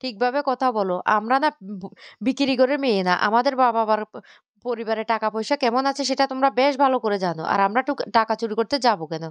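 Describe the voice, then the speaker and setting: A proud young wife who will not back down before her in-laws, read by a woman telling the story. The voice is smooth and clear, fairly high, and the delivery moves quickly. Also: dry recording, lightly acted. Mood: defiant. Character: defiant young wife accused of theft.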